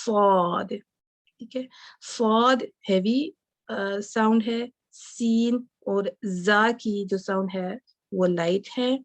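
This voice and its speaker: A woman's voice: mid-range voice, no room sound. A woman teaching Quran recitation, explaining letter sounds patiently, often checking with her listeners and mixing English words into her talk. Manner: patient, repeats sounds slowly and checks with "okay?". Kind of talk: online tajweed lesson.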